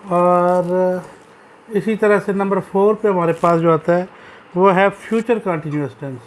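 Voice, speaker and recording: A Pakistani-accented man gives a classroom grammar lesson in a fairly high voice. He talks at an unhurried pace, repeats terms and keeps stopping to ask whether the students understand. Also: steady tone, a little hiss or hum. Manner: slow, repetitive teaching with frequent "ji" checks; addresses students fondly, reads English text aloud. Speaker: English teacher.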